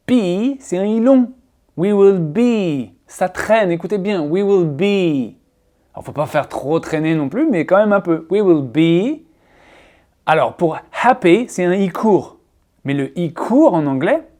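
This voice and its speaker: A man from France teaching an English-pronunciation video lesson in a playful, teasing, animated way. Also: fairly high pitch.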